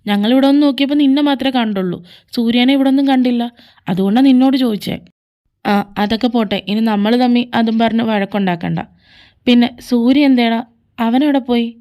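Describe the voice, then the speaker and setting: A woman's voice: on the high side, brisk, warm tone. A woman voicing all the characters in a fan fiction audio drama, moving between arguing, teasing and pleading voices. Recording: faint background music.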